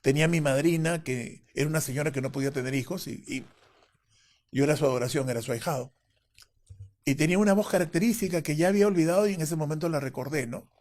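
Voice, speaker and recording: A man's voice: fairly high pitch, quick pace, darkish tone. A man as an interview guest, telling a personal story vividly and acting out the voices of others.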